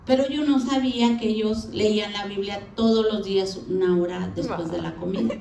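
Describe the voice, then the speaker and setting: A woman's voice: mid-range voice, normal speed, vocal fry, crowd noise. A middle-aged woman giving a spoken church testimony, storytelling and acting out both sides of the dialogues. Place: church hall. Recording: echoey church hall, faint ambience.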